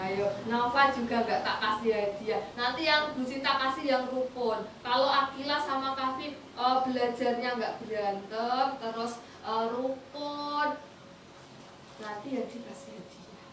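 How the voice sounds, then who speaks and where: A woman's voice: a little high, measured pace, a bit bright. A young woman with a Javanese accent, a student teacher patiently coaxing young children through a music lesson with questions. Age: young adult. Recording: echoey room, voice far from the mic, faint background noise.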